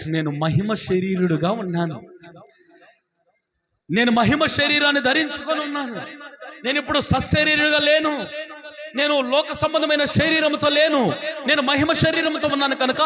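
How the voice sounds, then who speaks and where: A preacher voicing a gentle, lofty risen Jesus. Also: male voice, very high-pitched, normal speed, pauses often, voice pushed up. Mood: solemn. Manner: earnest, insistent repetition. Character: risen Jesus, gentle adult male, calm authority.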